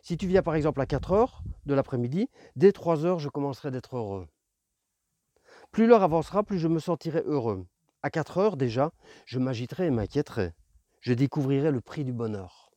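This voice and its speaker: A lonely, patient fox, as read by a man in a storybook. His voice is mellow and swings up and down, earnest and pleading. The sound is dry and close. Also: mid-range voice, animated, no echo, natural voice. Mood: eager. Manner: earnest, pleading, explains slowly.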